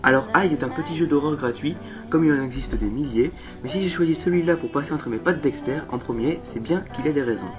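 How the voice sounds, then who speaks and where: A man's voice: a little high, far from the mic. Sarcastic young man commenting over music. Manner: sarcastic, mocking asides. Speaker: video game review show host. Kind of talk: casual scripted video commentary on horror games.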